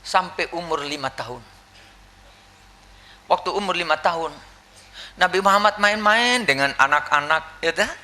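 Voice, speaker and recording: A man preaching a sermon, telling the story with lively acted voices and laughter. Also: on the high side. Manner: animated storytelling, acting out quoted voices with laughter.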